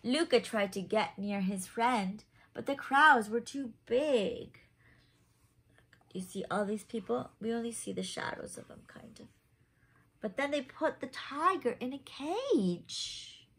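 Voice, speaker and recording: Reading a picture book aloud to young children, a woman in her thirties takes it slowly, her voice on the high side, expressive, fairly bright and husky. She breaks off now and then for simple questions, and the reading happens indoors in a small room at home.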